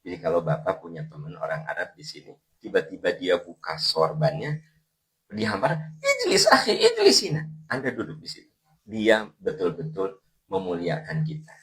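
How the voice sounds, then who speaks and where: Low-voiced preacher, storytelling. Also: male voice, poor audio. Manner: storytelling, acting out quoted voices and addressing the audience directly. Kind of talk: sermon.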